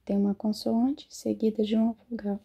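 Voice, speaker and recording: A Portuguese-speaking woman teaching French pronunciation, saying each word slowly and then translating it. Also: mid-range voice, level tone, gravelly, mellow, breathy edge. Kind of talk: slow phonetics lesson. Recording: dull lo-fi sound.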